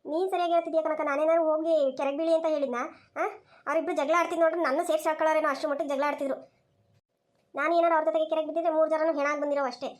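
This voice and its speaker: A woman's voice: high-pitched, steady tone, racing, natural voice. A woman voicing an anxious young village woman in a cartoon who wails and pleads for help. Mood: defensive. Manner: wailing, pleading. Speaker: bystander at the lake. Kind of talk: cartoon voice acting.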